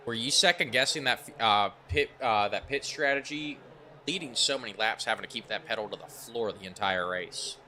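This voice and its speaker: A man interviewing drivers after a sim race, quick and upbeat, his questions full of ums and restarts. His voice is bright and forceful. A faint hiss of noise sits behind him. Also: lowish voice. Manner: upbeat, hurried questions with many fillers. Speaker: esports racing broadcaster interviewing drivers.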